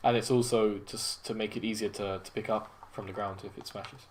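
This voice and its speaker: A man's voice: lowish voice, flat delivery, brisk, slight background noise. A man from England with an accent that mixes English, Irish and American, chatting casually as a podcast co-host and swearing freely. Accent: mixed English, Irish and American. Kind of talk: casual chat.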